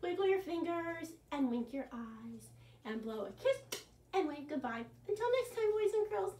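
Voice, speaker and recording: A very high voice at normal speed comes from a woman in her sixties who works as a children's librarian. She reads a picture book aloud in her living room, gasping, animated and sing-song as she reads and sings. The camera is placed back across the room, leaving her reverberant and distant.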